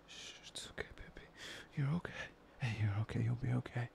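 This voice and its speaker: A soft-spoken, controlling young man, played by a man, who murmurs in a low, breathy hush. His voice drags slowly and grinds into gravelly fry at the ends of phrases. He sounds intimate and obsessive in a whispered audio drama. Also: slight background noise. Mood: menacing. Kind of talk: whispered ASMR audio roleplay.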